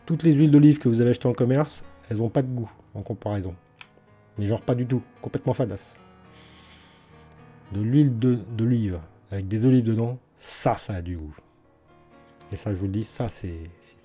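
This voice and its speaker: With a lowish, dark-toned voice, a man shows off his garden in a relaxed vlog. He's blunt and enthusiastic in his opinions, though his colloquial speech is full of hesitations and restarts.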